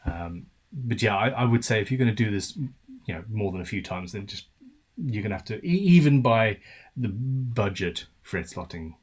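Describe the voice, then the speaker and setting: A man's voice: on the low side, lively intonation, normal speed, husky. A British man hosting a casual live-stream Q&A about guitar building, reading viewer questions aloud and answering in a loose, chatty way with trailing restarts. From United Kingdom.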